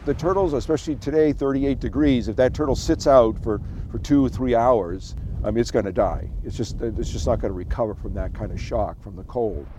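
An older man, a biologist, giving halting, matter-of-fact remarks in an interview. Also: mid-range voice, dark tone, slight background noise. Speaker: biologist, turtle rescuer.

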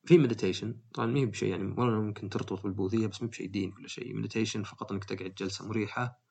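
A man's voice: fairly low pitch, steady tone, rapid-fire, gravelly, darkish tone, slightly rough. A man, talking casually as a podcast host and rambling through his thoughts with many fillers. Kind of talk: casual monologue.

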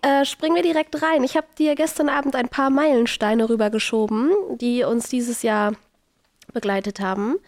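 An Austrian woman hosts a podcast in a casual, conversational way. Her voice is on the high side and nasal with congestion, recorded dry with very little room sound. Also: steady tone, moderate pace, no echo. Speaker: podcast host.

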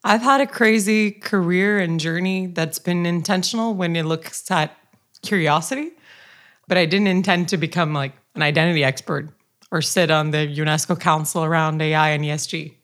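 Woman, lower voice, enthusiastic. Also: steady tone, normal speed, a bit bright. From Brazil. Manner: enthusiastic, chatty, fillers like "you know". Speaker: podcast co-host. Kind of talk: casual podcast chat.

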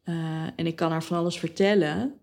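A woman's voice: on the low side, fairly even intonation, brisk, vocal fry, a little mellow. A woman in her thirties talking in a casual conversation, reflective and hesitant, with many fillers. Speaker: guest.

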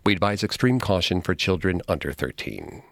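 An American man co-hosting a true crime podcast, narrating from a script in a measured, dramatic way. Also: low voice, very animated, gravelly, a bit bright, dry recording.

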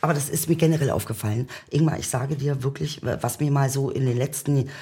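A man's voice: mid-range voice, fast, mellow, slightly rough. A man co-hosting a podcast in casual chat, blunt and hesitant with many fillers. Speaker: podcast co-host.

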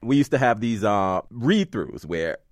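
A man hosting an interview, asking the guest questions in a relaxed, joking way. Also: on the low side, measured pace, no echo, studio quality.

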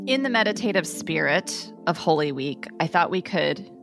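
A woman co-hosting a podcast in casual chat, with noticeable vocal fry in her voice. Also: lowish voice, expressive, moderate pace, over loud music. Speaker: podcast co-host.

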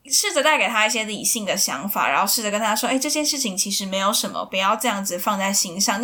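A woman's voice: medium pitch, bright, forceful tone. A woman, casually summarizing a book in a conversational, explaining way. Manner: conversational, filler-heavy explaining. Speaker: book reviewer.

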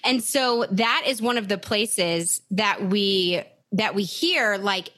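A woman's voice: medium pitch, slow, bright, forceful tone. A woman hosting a podcast in casual, upbeat interview chat, full of "like" and "right?". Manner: chatty, upbeat, frequent "like" and "right?". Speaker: podcast host.

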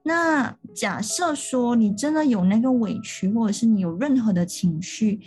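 Warm, husky woman explaining earnestly. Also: on the high side, expressive, normal speed, soft background music. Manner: earnest, explanatory, talks through steps. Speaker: podcast co-host. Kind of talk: casual chat.

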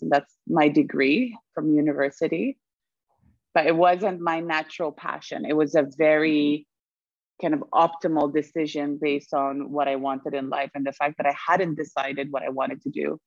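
Low-voiced woman, dry muffled audio. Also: steady tone, moderate pace, gravelly, dry recording. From Sweden. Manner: reflective, laughs often. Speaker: guest. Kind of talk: conversational interview.

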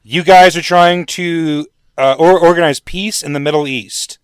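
A man's voice: on the high side, fairly even intonation, measured pace, smooth, no room sound. A man on a podcast making dry, wry quips in casual chat.

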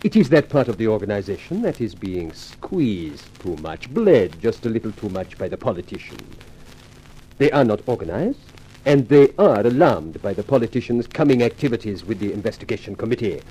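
This 1950s radio drama features a coolly courteous European adagio dancer turned scheming racketeer, explaining things in a cool, sing-song way. His phrasing is formal, measured and urbane, and his soft, dusky, slightly rough voice swoops in pitch. Audio quality is poor.

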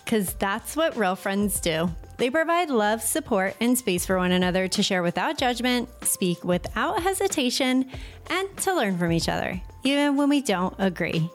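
A woman's voice: on the high side, animated, normal speed, soft background music. A young woman co-hosting a casual podcast, chatty and rambling, laughing often. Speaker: podcast co-host. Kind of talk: casual chat.

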